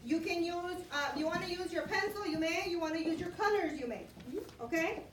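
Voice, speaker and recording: Very high-pitched woman teaching young children. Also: a little fast. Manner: prompting with questions and repeated instructions. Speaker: elementary school teacher. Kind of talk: classroom instruction to young children. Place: indoor school classroom. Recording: roomy, distant classroom recording with clear noise.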